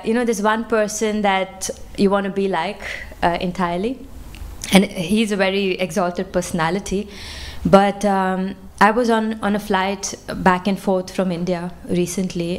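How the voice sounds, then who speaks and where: Conversational woman giving a temple lecture. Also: mid-range voice. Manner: warm and conversational, with fillers. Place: temple hall.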